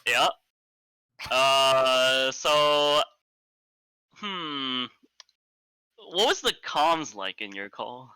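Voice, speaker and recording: Bright, crisp joking male caster. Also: medium pitch, expressive, very slow, long pauses, no echo, poor audio. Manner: joking, crude, laughs often, rambling. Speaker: esports caster interviewing a player. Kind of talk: casual post-match interview.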